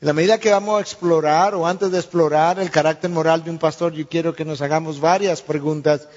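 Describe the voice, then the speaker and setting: A man's voice: on the high side, fairly even intonation, a little fast, a little mellow. Preaching man in a reverberant hall. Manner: earnest, teaching with illustrations and rhetorical questions. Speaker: pastor. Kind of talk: sermon. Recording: reverberant hall, dull lo-fi sound.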